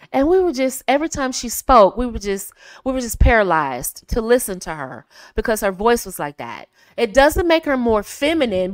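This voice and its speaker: A woman from the United States giving casual, direct advice to women, often calling them ladies and swinging her pitch to demonstrate. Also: no room sound. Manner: chatty, direct, frequently addresses listeners as ladies. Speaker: femininity coach.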